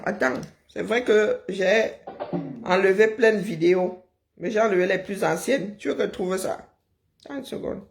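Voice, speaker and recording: A woman's voice: mid-range voice, gravelly. A woman in a heated online argument, mocking and taunting her opponent. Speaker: live stream participant.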